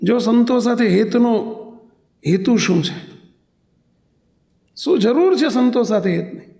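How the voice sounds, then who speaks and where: A monk delivers a sermon as a story, close and intimate. His voice sits high for a man and carries a gravelly rasp. He slips into the people of his stories as he talks. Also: animated, takes it slowly, warm tone. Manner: narrates intimately, acting out dialogue in higher voices.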